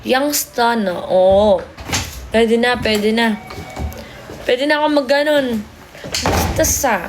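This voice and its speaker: A young woman from the Philippines chats with her livestream viewers, playful and quick to giggle, switching into English now and then. Her voice sits high and bright in pitch. A phone mic catches her with a faint ambient hum behind. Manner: playful, giggly, mixes English into casual talk. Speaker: idol group member livestreaming. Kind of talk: casual livestream chat with viewers.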